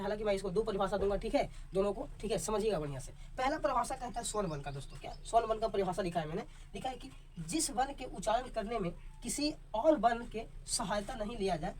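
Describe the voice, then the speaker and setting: Fast-talking man teaching a lesson. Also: high-pitched, darkish tone. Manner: keeps checking in with "ठीक है?" and quizzes the viewers. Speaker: Hindi teacher. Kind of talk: classroom lesson at a board. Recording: voice a bit far from the mic, faint background noise.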